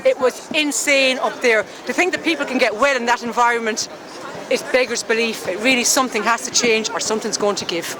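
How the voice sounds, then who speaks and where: A woman's voice: on the high side, a little fast. A woman with a west of Ireland accent speaking in an impassioned, emphatic way as a protester interviewed at a street demonstration. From Galway, west of Ireland. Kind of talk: impassioned vox pop interview. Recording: outdoor street with loud crowd behind.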